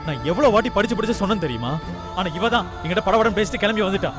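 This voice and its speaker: A man's voice: sits high, expressive, very fast, loud music behind the voice. An actor playing a frustrated young man in a TV serial, scolding and exasperated. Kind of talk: Tamil TV serial acting. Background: loud violin drama score.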